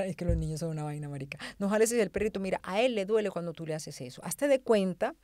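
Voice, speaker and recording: A woman, co-hosting a casual podcast chat and telling stories with lively acted-out quotes. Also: medium pitch, fast talker, no room sound. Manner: animated storytelling with acted-out quotes and laughter. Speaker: podcast co-host.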